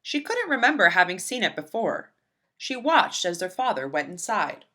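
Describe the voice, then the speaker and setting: Speaking at normal speed in a lowish voice, a woman expressively reads a children's picture book aloud as a story.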